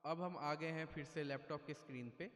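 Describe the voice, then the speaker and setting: A man's voice: a little high, fairly even intonation, fairly quick, fairly bright tone. Man explaining step by step in an echoey room. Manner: plain, patient explaining with frequent "theek hai". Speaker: keyboard tutorial presenter. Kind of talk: casual step-by-step tutorial. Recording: echoey room with long reverb.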